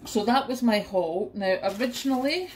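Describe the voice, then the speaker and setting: A woman's voice: medium pitch, normal speed, a little hiss or hum, low-quality recording. A middle-aged woman from the UK chatting to camera in her home kitchen as she unpacks her shopping, exclaiming at the prices. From United Kingdom. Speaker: vlogger showing a grocery haul. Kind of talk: casual chat to camera. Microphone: camera pointed down at a kitchen counter.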